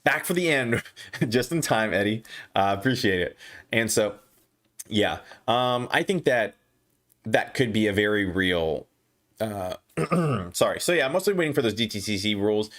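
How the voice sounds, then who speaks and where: A young man hosts a casual stock livestream, reading viewer comments aloud and answering them. His voice is on the low side, animated and fairly bright, but it's going hoarse. He's losing it and clearing his throat as he talks haltingly, with many restarts and fillers.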